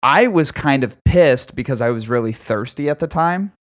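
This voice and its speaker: A man's voice: mid-range voice, lively intonation, moderate pace. A man in his thirties chatting casually on a podcast, teasing and cross-examining his friend. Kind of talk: casual chat.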